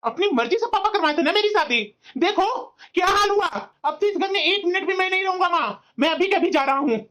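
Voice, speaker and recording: A woman's voice: very high voice, lively intonation, brisk. A woman voicing an angry young husband in a family cartoon, harsh and scornful. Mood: bitter. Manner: shouting accusations, scornful. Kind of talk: cartoon voice acting.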